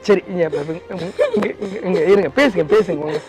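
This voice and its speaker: A man's voice: high-pitched, expressive, normal speed. A man hosting a prank video, coaxing and apologizing over and over with nervous laughs. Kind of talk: casual pleading apology. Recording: loud background music.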